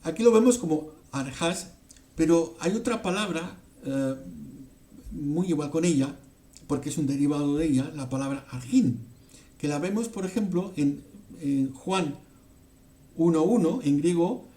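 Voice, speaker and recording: A man from teaching a Bible passage in a halting way, with many fillers and frequent "ok?" check-ins. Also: a little high, warm tone. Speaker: preacher.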